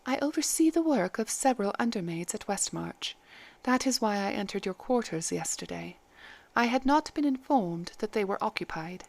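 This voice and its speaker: Eine Frau als sanfte, förmliche Oberdienstmagd. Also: female voice, mid-range voice, lively intonation, moderate pace, vocal fry. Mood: gentle. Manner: gentle, formal and soothing. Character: calm kindly female head maid, adult.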